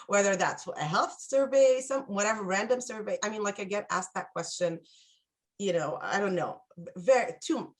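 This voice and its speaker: A middle-aged woman from Egypt, answering interview questions in a thoughtful, hesitant way, with many fillers and restarts. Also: mid-range voice. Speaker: guest. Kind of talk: conversational interview.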